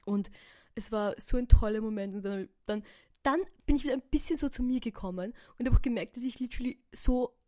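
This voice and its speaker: A woman's voice: fairly high pitch, fairly quick, no echo, studio quality. Chatty young woman storyteller. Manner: chatty, animated, heavy use of fillers and English slang. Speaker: podcast host. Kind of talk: casual storytelling monologue.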